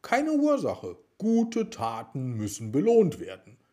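A man putting on a high little squirrel voice. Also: huge pitch swings, slow, warm tone, heavily acted. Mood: pleased. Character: small friendly talking squirrel.

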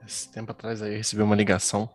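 A man's voice: lowish voice, completely flat delivery, racing, faint music behind. A Brazilian man co-hosting a podcast, telling joking stories in casual, slangy street talk with swearing. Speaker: podcast co-host. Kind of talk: casual chat with joking anecdotes.

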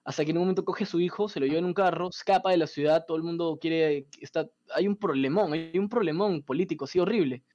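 A man, casually retelling a comic story as a podcast host, animated and profane. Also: on the high side, fast talker, hardly any pauses, dull audio.

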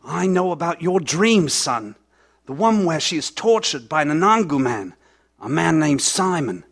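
Man doing a calm mysterious elder, high-ish voice, slow and knowing. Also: creaky, full character voice. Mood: solemn. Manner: measured, solemn, knowing. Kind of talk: live audio drama acting.

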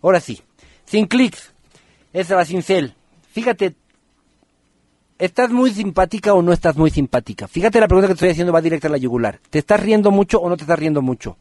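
A man's voice: high voice, animated, a little fast, darkish tone, dry recording. A man hosting a radio podcast, giving live numerology readings and firing teasing questions at listeners by name.

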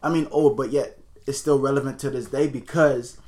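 A man's voice: mid-range voice, fairly even intonation, normal speed, a little mellow. A man co-hosting a casual podcast chat, filling his talk with "you know" and slang. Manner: laid-back slangy talk, many "you know" fillers. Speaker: podcast co-host.

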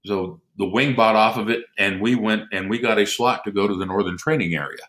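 Low-voiced man telling war stories. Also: brisk. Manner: lively anecdotal storyteller who chuckles often. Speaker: podcast guest, former military airman. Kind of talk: casual storytelling in a conversation.

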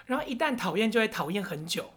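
Fast-talking blunt Taiwanese woman. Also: mid-range voice, sing-song, fairly bright tone, breathy edge. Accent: Taiwanese Mandarin. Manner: blunt, teasing, swears casually. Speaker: podcast co-host. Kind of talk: casual chat.

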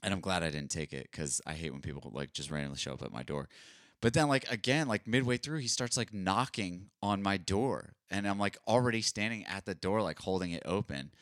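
A man's voice: low voice, brisk, no room sound, clean studio sound. A young adult man co-hosting a podcast, telling stories in casual chat and acting out what other people said. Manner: animated storyteller, acts out quoted dialogue. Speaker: podcast co-host.

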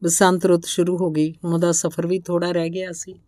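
A woman reads a novel aloud in an even, measured way. Her voice sits fairly low. The recording is dry and close, with no room sound. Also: no room sound. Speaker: narrator.

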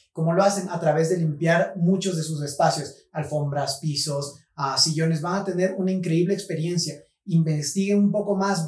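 A man's voice: fairly high pitch, a little mellow. A man, a Spanish speaker, co-hosting a casual podcast and plugging its sponsors. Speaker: podcast co-host. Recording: roomy echo, faint music bed.

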